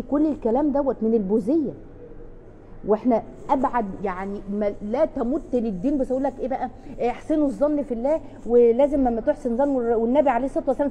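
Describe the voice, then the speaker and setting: A woman's voice: fairly high pitch, warm tone, dull audio, slight background noise. A woman with an Egyptian accent, answering viewers' questions in a casual live chat as a family counselor, chatty, with frequent restarts and emphatic repeats. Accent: Egyptian Arabic.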